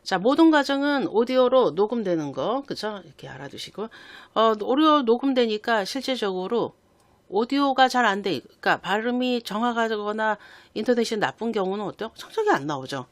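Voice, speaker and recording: A man's voice: sits high, fairly quick, no echo. A man giving a recorded lesson as an IELTS instructor, often stopping to ask his listeners rhetorical questions. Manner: lively teaching, frequent rhetorical questions. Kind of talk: recorded lecture.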